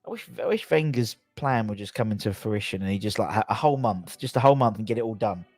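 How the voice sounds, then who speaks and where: A man's voice: fairly low pitch, expressive, fast talker, darkish tone, dry recording, faint music behind. A man with a southern English accent hosting a casual football fan livestream, rambling and jokey, often repeating himself as he chats to viewers.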